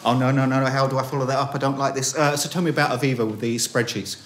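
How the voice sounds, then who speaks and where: A man's voice: steady tone, very fast. Young guy doing a funny spoken word piece at a small gig, mocks himself, roomy echo. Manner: comic, self-mocking storytelling, swinging from low mutters to high panicky outbursts. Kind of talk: live spoken-word performance. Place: small live gig in a room. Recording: roomy live room.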